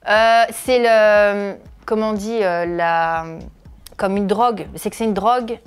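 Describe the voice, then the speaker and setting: Soft music plays behind a woman in her thirties from northeastern France who speaks slowly, at medium pitch, with fairly even intonation. A comedian and video creator, she answers interview questions hesitantly, with plenty of filler sounds.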